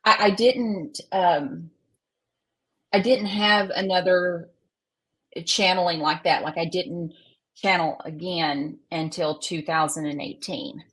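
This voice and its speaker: A middle-aged woman speaks in a fairly low voice. She is an interview guest telling personal stories, folksy and frank, often halting and putting herself down. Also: steady tone, a bit bright, husky, low-quality recording. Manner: folksy, candid, halting and self-deprecating. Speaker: interview guest, psychic medium and minister.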